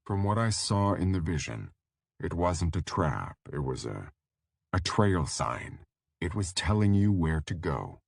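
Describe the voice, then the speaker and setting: Worried young visionary, voiced by a male narrator; low, dry, urgent. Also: very animated, a little slow, vocal fry, no echo, heavily acted. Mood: explaining.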